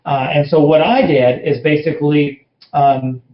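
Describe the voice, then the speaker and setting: A man's voice: a little high, steady tone, a little slow. A man telling his network marketing story in an interview, blunt and emphatic, speaking from home. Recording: roomy, dull lo-fi sound.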